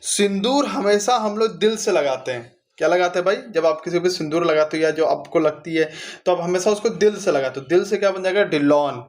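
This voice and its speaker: A man with a high, light voice teaches an exam revision lesson. He keeps asking his students quick questions and answers them himself. His tone is chatty and informal, and he calls his listeners "brother". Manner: chatty, addresses students as bhai.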